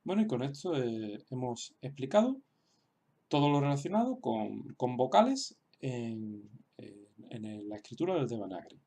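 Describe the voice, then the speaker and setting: A man explaining a language lesson in a hesitant, unscripted way, full of fillers and restarts. He sounds out example words slowly and carefully, repeating each one. His pitch sits in an ordinary middle range for a man. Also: sing-song, mellow. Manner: slow, careful example pronunciations. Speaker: teacher. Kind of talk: screen lesson with spoken examples.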